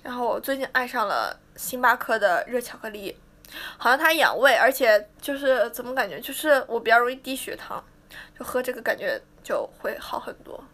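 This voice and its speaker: A woman's voice: on the high side, expressive, moderate pace, fairly bright tone. A teenage girl idol chatting casually with fans on a livestream, playful and talkative. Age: teens. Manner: chatty, playful, mimics fans' teasing.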